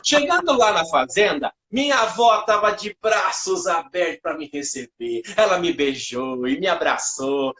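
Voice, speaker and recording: A man telling a comic story live, animated, with sound effects and voices. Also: sits high, unhurried, hardly any pauses. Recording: echoey room.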